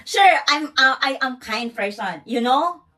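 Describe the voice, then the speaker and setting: Indignant Filipino woman livestreamer, high voice. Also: expressive, unhurried, sharp tone, rough recording. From Philippines. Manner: indignant, rambling, with frequent restarts and broken English. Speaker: live streamer running a charity stream. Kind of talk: defensive livestream rant.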